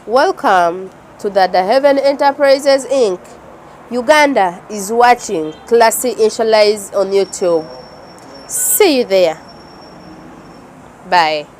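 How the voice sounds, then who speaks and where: A woman records a quick promo greeting for a channel. She speaks slowly at a medium pitch, and her delivery is friendly and brief. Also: lively intonation, a little mellow, a little hiss or hum, poor audio. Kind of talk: short promo message.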